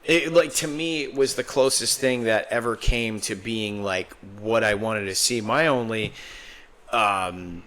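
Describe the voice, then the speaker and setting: A man's voice: fairly low pitch, a little slow, a bit bright. A man co-hosting a podcast, rambling loosely and animatedly in casual chat and swearing freely. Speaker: podcast co-host.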